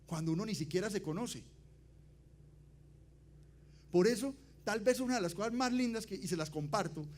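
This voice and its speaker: A man giving a motivational conference talk, asking the audience rhetorical questions and swinging between loud emphasis and quiet, dropped endings. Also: high voice, a little hiss or hum. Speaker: conference speaker.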